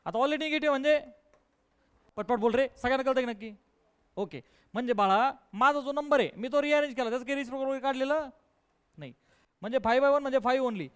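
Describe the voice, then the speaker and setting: Marathi-accented male maths teacher, high clear voice, coaxing, pushes for quick answers. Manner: coaxing, keeps prodding students to answer. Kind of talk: live online class.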